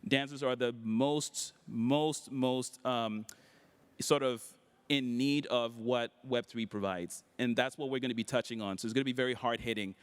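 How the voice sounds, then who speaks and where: A man's voice: mid-range voice, normal speed, smooth. Upbeat man moderating a panel. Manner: relaxed, upbeat, many fillers. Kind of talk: casual panel talk. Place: conference hall.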